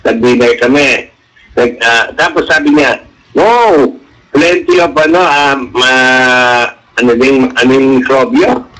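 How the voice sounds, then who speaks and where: A man's voice: medium pitch, slow pace, rough recording. A middle-aged man, a guest on a radio show, chatting casually and acting out the dialogue in his anecdotes. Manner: animated storyteller, acts out quoted dialogue. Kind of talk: casual radio interview chat.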